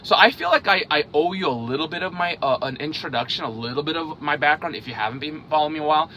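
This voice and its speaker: A man's voice: a little high, animated, fast, sharp tone, a little hiss or hum. A man in his thirties, raised in Hungary, talking casually to camera and checking in with "okay?" after nearly every point. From South Korea, raised in Hungary. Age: 30s. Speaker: vlogger on investing. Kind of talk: casual direct-to-camera talk.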